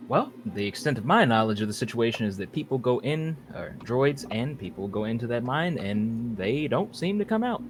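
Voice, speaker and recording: A man playing a cool, menacing female dark-side agent who talks down to people. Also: mid-range voice, very animated, moderate pace, few pauses, a little hiss or hum, natural voice. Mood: condescending. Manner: smooth and condescending.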